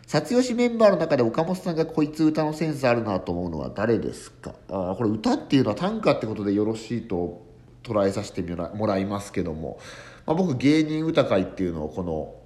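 A man's voice: on the low side, big pitch swings, a little fast, a little mellow. A man hosting a casual solo podcast, telling a rambling story with many fillers. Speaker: podcast host, comedian and tanka poet.

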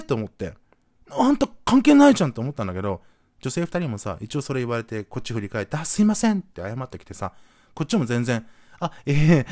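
Male podcast host from Gunma, casual story monologue, rapid and highly animated, dry close sound. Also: no echo. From Gunma, Japan. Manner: animated, acts out quoted voices.

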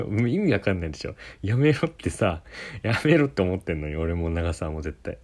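低く抑揚豊かな男性の語り. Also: male voice, deep voice, a little fast. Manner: animated, laughing often, quoting people with put-on voices. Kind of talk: casual storytelling monologue.

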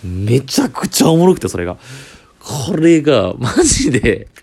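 A young man with a Kansai accent, a comedian hosting his own solo talk show, tells a story from the stage in a mid-range, gravelly, slightly rough voice at a moderate pace. His storytelling is animated, and he acts out the other people's lines as he goes.

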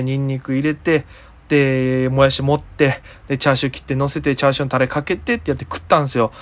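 Young man, comedian, solo podcast chat, rambling, quick delivery, slightly high voice. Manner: rambling, chatty, self-amused. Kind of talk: casual solo podcast monologue.

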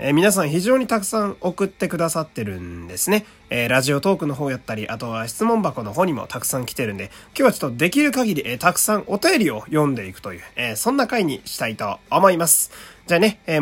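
A man's voice: on the high side, very animated, fast talker, few pauses, husky. A male voice actor hosting his own talk radio show, chatting casually in a put-on Kansai dialect, laughing often and reading listener letters aloud. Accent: put-on Kansai dialect mixed with standard Japanese.

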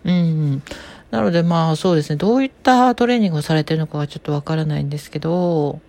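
Woman voice trainer hosting a solo podcast, low-pitched, calm and explanatory. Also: fast. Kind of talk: casual solo podcast talk.

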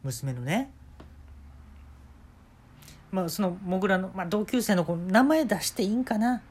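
A man with a Kansai accent telling an absurd story in a rambling, deadpan way as the host of a talk show. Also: sits high, measured pace. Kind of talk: comic storytelling monologue.

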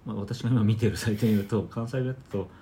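A man co-hosting a casual podcast chat, calmly explaining and sounding out word accents. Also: on the low side, quick pace, slight background noise. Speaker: podcast co-host.

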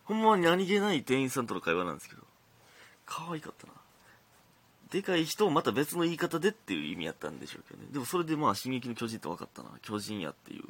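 A man's voice: medium pitch, sing-song, quick pace, slightly rough. A young man with a Kansai accent, a comedian hosting his own talk show and telling stories in a rambling, chatty way. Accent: Kansai Japanese. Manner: chatty, rambling storytelling with frequent restarts. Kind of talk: casual monologue.

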